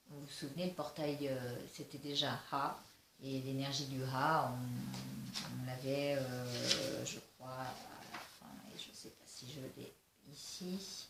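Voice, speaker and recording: A woman giving a casual spiritual oracle card reading, slow and halting with many fillers and restarts. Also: a bass voice. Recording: echoey room with faint noise.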